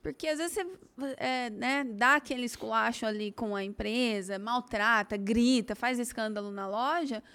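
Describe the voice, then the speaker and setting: A Brazilian woman, a company founder, calmly explaining her views as a podcast guest. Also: a little high, moderate pace, few pauses, clean tone. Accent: Brazilian Portuguese. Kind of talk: conversational interview answers.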